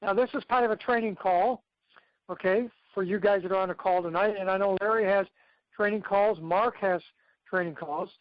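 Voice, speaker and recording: Speaking at a moderate pace in a high-pitched voice, a man coaches his team on success through an instructive, motivational training talk over a conference call. There's no echo, the audio is dull and lo-fi, and he often checks in with "okay."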